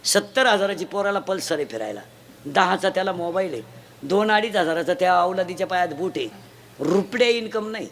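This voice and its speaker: A man giving a comic kirtan sermon, teasing and shouting questions to children in the audience. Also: high voice, expressive, brisk. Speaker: kirtan preacher. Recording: noisy live event ambience.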